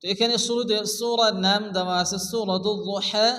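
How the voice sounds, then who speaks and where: Man, high voice, patient recitation teacher, chants words slowly, long echoing reverb. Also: steady tone, pushed and bright. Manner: explains each letter, then chants the words slowly in a melodic recitation. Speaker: Quran reading teacher. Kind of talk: step-by-step recitation lesson.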